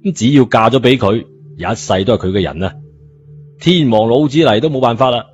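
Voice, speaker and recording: Brisk and medium in pitch, this male narrator has a Cantonese accent. He reads a scripted story in casual, colloquial language, audiobook style, and the recording captures him muffled against a music bed.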